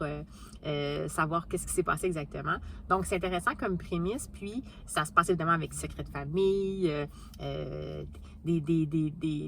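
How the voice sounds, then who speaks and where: With a lowish, fairly bright voice, a woman with a Québécois French accent talks casually about what she's been reading in a book vlog. She uses many fillers and restarts, and a little hiss or hum can be heard.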